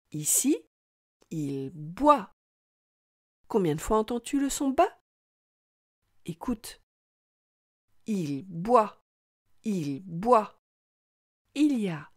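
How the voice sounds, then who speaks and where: A teacher with a medium-pitched, slightly mellow voice and a breathy edge leads a scripted reading lesson for young children. She goes slowly and patiently in a sing-song way, sounding out every syllable with exaggerated care.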